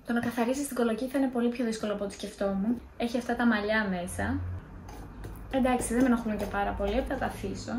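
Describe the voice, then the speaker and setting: A woman's voice: on the high side, darkish tone, echoey room, a little hiss or hum. A young woman in a casual vlog, chatty and self-mocking as she tells scary stories. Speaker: vlogger.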